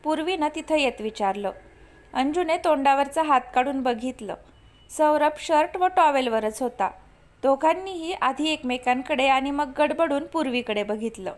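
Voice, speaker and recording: A woman reading a story aloud in a steady, measured way. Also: sits high. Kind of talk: scripted narration.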